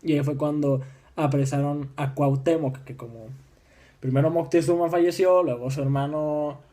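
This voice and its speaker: Young man from Mexico, informal history talk, halting delivery with lots of fillers, mellow and a bit high. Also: steady tone. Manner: halting, many restarts and fillers; acts out voices in dialogue.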